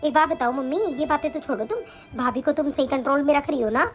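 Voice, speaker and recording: Brief: a woman doing a bratty young daughter-in-law for a cartoon, whiny and defiant, very high voice. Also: quick pace, soft background music, lightly acted. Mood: complaining. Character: spoiled quarrelsome young married daughter. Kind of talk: animated story voice acting.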